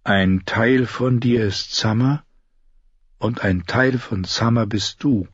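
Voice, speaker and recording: A man voicing a calm, solemn young man who speaks slowly and quietly, on a slightly dull recording. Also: mid-range voice, breathy edge, dry recording. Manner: slow, quiet, measured.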